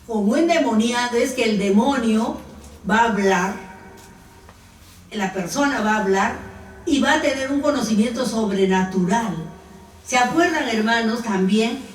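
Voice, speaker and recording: A woman's voice: a little high, a little slow, long pauses. A woman leading a Bible study who directs the group to verses and asks her listeners questions. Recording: roomy room, distant mic.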